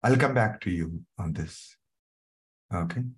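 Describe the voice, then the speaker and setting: This live online tech webinar features a middle-aged man with an Indian English accent whose low, husky voice is soothing. He talks conversationally at a measured pace with lively intonation, often saying "okay" and "right."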